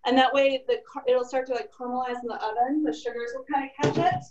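A woman gives a chatty cooking demo in the home kitchen of her old apartment, using lots of fillers like "like" and "kinda." Her high voice is steady and quick. She's a cooking instructor recorded off-mic in an echoey room, sounding muffled over a noisy background.

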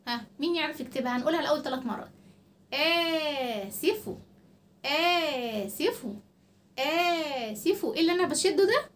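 A woman with an Egyptian Arabic accent teaching children dictation, stretching out syllables slowly and repeating words. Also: sits high, animated. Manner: slow, drawn-out syllables for dictation.

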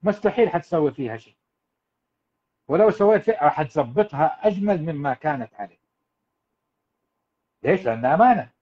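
A parenting coach gives a live talk, speaking straight to his audience in an animated, preachy, emphatic way. His voice is a little high and brisk, with frequent pauses, and the recording has its highs cut off.

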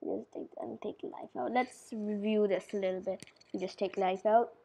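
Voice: medium pitch, steady tone, moderate pace, vocal fry, dark tone, husky, rough recording. A person giving casual, rambling commentary over a game tutorial, often dropping into mumbles and whispers and correcting themselves. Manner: loose and chatty, with many fillers and self-corrections. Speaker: gameplay tutorial maker.

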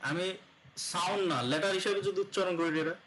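A male teacher giving an online pronunciation class, explaining slowly and repeating each sound several times with many fillers. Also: high voice, fairly even intonation, fairly bright tone, low-quality recording.

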